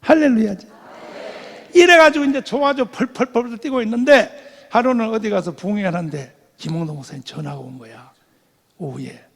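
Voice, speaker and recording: A male pastor giving a sermon testimony, telling his story in an animated way with loud emotional bursts. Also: high-pitched, moderate pace, creaky.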